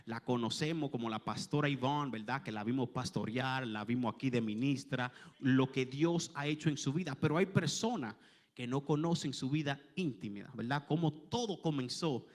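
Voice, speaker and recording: A man with a medium-pitched voice hosts a church testimony. His encouraging phrases, tag questions and exclamations of praise ring with the long reverb of a hall. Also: normal speed. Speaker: pastor hosting a church testimony. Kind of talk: church hosting with short fervent interjections.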